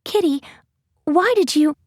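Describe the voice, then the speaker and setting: A woman voicing an earnest, anxious wooden puppet teenage girl in a high, flustered voice for a storybook. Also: a little slow, no echo, clean studio sound.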